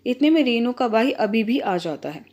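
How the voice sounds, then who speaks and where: A woman hosting her channel and reading a family story aloud in plain, steady narration. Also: a little high, normal speed.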